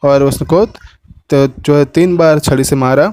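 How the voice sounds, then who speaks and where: A man's voice: a little high, fairly even intonation, measured pace, a little mellow, no echo. A man with a Gujarati accent, teaching a class lesson and retelling the story in detail, voicing its dialogue as he goes. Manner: retells the story in Hindi with English words, acting out quotes.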